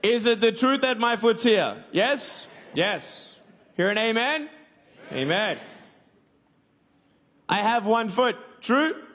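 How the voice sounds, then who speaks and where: This twentysomething Australian evangelist has a very high-pitched, slightly bright voice, speaking slowly and expressively with frequent pauses. He's giving a humorous, uplifting sermon to a live crowd and prompting them to answer back. There's slight background noise and a long reverb from the hall.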